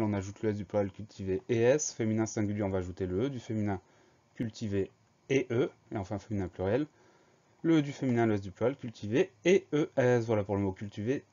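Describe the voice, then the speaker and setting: A man with a fairly low voice teaches a spelling dictation. He spells each word letter by letter and explains its gender, plural and grammar in a patient, methodical way. The recording sounds slightly dull and lo-fi. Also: warm tone. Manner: slow, spells words letter by letter.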